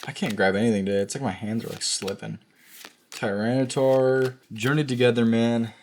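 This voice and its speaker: Low-voiced chatty man, slightly hoarse. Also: fast, slight background noise. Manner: chatty and rambling, many fillers and self-corrections. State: voice going a bit hoarse. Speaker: card pack-opening channel host. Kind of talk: casual commentary to camera.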